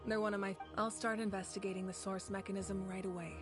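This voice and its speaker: Woman playing gracious female leader, medium pitch, kind, authoritative, video game, music behind. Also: little pitch movement, quick pace, natural voice.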